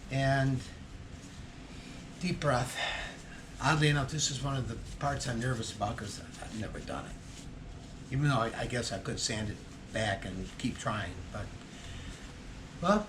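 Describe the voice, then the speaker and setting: A man's voice: mid-range voice, fairly bright tone, slight background noise. A man hosting his own guitar-building vlog, talking casually and hesitantly, thinking aloud with frequent ums and restarts. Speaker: hobby guitar builder and channel host. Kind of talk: casual workshop vlog narration.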